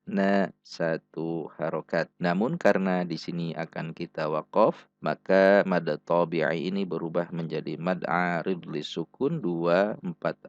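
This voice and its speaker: A man teaching Quran recitation rules, speaking slowly and deliberately and repeating each syllable for practice. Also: deep voice, no room sound. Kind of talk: tajwid lesson with slow recited examples. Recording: dull dry lo-fi recording.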